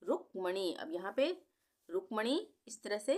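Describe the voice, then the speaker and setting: A woman teaching Hindi spelling on a video channel, patiently repeating each name slowly, syllable by syllable, with a few English words mixed in. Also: medium pitch, lively intonation, darkish tone.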